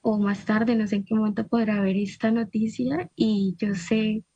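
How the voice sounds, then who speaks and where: A woman giving a personal testimony in halting, repeated phrases. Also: mid-range voice, fairly even intonation, mellow, breathy edge, no echo, highs cut off. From Colombia. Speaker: interviewee.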